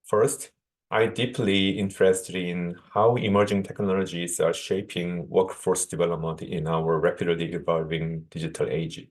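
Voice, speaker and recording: A man from South Korea, a native Korean speaker with a Korean accent, giving a measured conference keynote over a video call with small restarts. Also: deep voice, little pitch movement. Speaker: guest speaker, associate professor.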